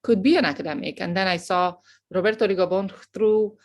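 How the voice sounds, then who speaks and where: A woman's voice: mid-range voice, a little fast, muffled recording. A middle-aged woman from Romania, a professor, telling her story as a guest in an outgoing, boisterous way. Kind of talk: casual interview chat.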